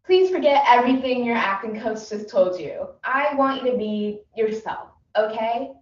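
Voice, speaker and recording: A woman's voice: a little high, natural voice. A woman playing a dry, impatient casting director. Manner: clipped, dry, quick instructions. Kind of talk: competitive humorous interpretation. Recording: echoey room, distant mic, dull sound.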